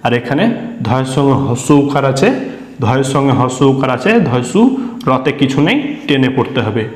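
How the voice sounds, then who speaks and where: A man's voice: mid-range voice, a little fast. A man teaching a beginners' reading class, patiently spelling out sounds letter by letter and repeating them. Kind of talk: spelling out syllables in a reading lesson. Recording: echoey room.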